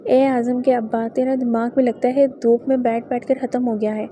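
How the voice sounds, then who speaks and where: A woman's voice: a little high, little pitch movement, warm tone, a little hiss or hum, lightly acted. A woman reading the lines of an older village mother who teases and scolds in mock anger. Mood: mock-scolding. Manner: teasing, scolding.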